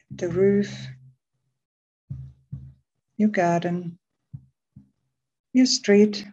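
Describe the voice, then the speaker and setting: A woman leading a guided meditation in a soft, breathy, soothing voice, leaving long pauses between short phrases. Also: medium pitch, low-quality recording.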